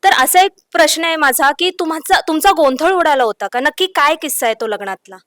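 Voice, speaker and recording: Woman interviewer, high pitch, conversational questions, encouraging hums, dry sound. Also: a little fast, fairly bright tone, dry recording. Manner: friendly prompting with frequent hums.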